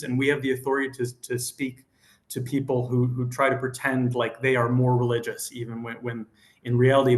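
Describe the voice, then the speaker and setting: A man talks on a panel in an earnest, emphatic way, often restarting his sentences. His voice sits in the middle range and echoes around the room he is in. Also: mid-range voice. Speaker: rabbinical student panelist. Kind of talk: panel talk.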